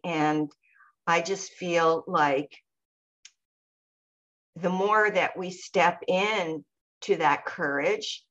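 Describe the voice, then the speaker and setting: A woman co-hosting a podcast, sharing her personal experience in a reflective, measured way and pausing to search for words. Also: on the low side, muffled recording. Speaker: podcast co-host.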